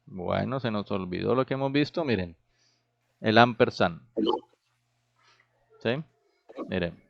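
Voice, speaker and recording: A man's voice: fairly low pitch, takes it slowly, gravelly. Man teaching a programming class. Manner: explains step by step, checks in with the class often. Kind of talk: classroom lecture. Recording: dull, lo-fi recorded class.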